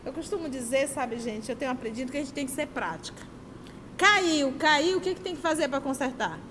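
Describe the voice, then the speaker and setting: A woman leads a spiritist study group, teaching emphatically with lively personal anecdotes. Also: high voice, fairly quick, in a large hall, a little hiss or hum. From Manaus, Brazil. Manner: animated, emphatic, storytelling.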